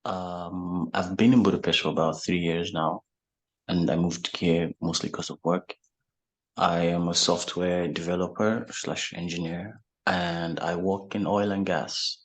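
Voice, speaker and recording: A man's voice: low-pitched, fairly even intonation, a little slow, husky. A man from Nigeria introducing himself at an online meeting in a casual, joking way. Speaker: meeting participant.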